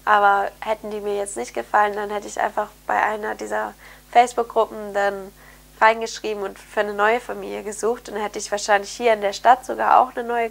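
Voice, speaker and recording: A cold gives this young adult vlogger's mid-range voice a nasal, slightly hoarse quality, and she clears her throat at times. Working as an au pair, she chats to camera indoors in a bright bedroom, upbeat and chatty with many fillers, via a camera mic at close framing.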